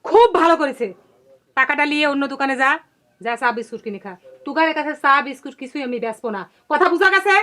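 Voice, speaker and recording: A fiery young village shopkeeper in a TV drama, high and bright in tone. She talks bluntly in rural dialect, scolding and sending people off. Nothing she says is soft. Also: animated, fast talker. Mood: defiant. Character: sharp-tongued young village woman shopkeeper. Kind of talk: TV drama acting.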